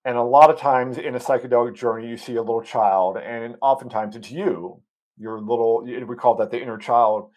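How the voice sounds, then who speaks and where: A man at a medium pitch, speaking as an interview guest. He tells a story earnestly, stopping and restarting often with plenty of ums. He sounds moved by what he is recounting. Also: steady tone, normal speed, darkish tone. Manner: emotionally moved while recounting.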